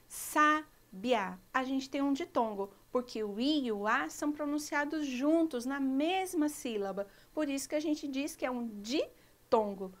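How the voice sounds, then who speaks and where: Slow high-voiced woman teacher. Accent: Brazilian Portuguese. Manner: slow, clear, pronounces example words deliberately. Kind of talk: televised school lesson.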